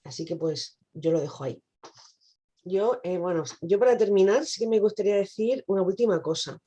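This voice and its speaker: A woman, a coach speaking reflectively on a podcast, with soft pauses and hesitations. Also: medium pitch, lively intonation, husky, dull audio. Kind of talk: casual podcast discussion.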